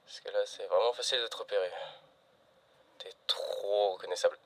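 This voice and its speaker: Man doing mocking male sidekick, husky, half-whispered jabs, bright edge, amateur web drama. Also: fairly low pitch, a little fast. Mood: teasing. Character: mocking male partner who doubts the mission.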